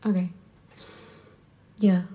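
A woman's voice: drawn-out words, highs cut off. A woman singer recording vocal takes in a studio, chatting playfully between takes. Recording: music playing loud behind.

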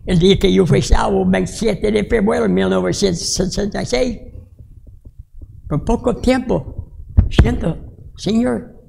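A pastor in his sixties preaches in a slow, unhurried way, stopping and restarting his phrases. His voice sits high for a man and is thick with gravelly fry. He tells his sermon as a personal story in broken phrasing. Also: darkish tone, a little hiss or hum. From United States. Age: 60s. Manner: halting, broken Spanish with restarts.

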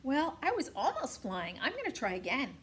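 A woman voicing an eager young male gosling learning to fly, in a high squeaky voice. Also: wildly swooping pitch, moderate pace, a bit bright, slight background noise, full character voice. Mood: excited.

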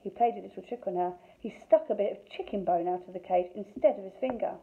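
A woman teacher reading a fairy tale aloud to young children in an expressive, lively storytelling voice, on a thin phone-like recording. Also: medium pitch, fast. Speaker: infant school teacher.

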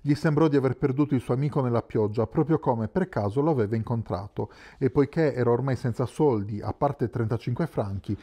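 A man narrating a literary novel as an audiobook in a calm, measured way. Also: medium pitch. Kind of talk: scripted narration.

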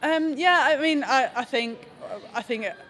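A young woman, a rugby team captain, giving a halting, reflective post-match press interview indoors into handheld mics held close. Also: high voice, fairly bright tone. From England. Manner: reflective, halting with frequent restarts. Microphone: several handheld press mics close to her face.

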